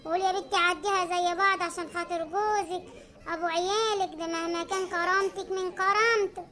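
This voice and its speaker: A woman's voice: very high-pitched, steady tone, fast talker, pushed and bright. A woman with an Egyptian accent playing an aggrieved wife in a comic family skit, sarcastic and complaining. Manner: sarcastic, complaining, sighing for patience. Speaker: content creator playing the wife.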